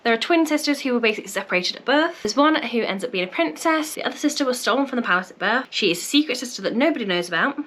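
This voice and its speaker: A woman's voice: on the high side, animated, racing, few pauses, a bit bright. Congested, nasal-sounding woman book vlogger. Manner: chatty, friendly, thinks aloud. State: congested, slightly nasal from a cold. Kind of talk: casual chat to camera. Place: home room with bookshelves.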